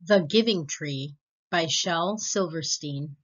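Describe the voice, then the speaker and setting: Hosting a read-aloud of a children's storybook, this woman narrates in a low, slightly rough voice. She is expressive and deliberate, and the audio comes through a bit muffled.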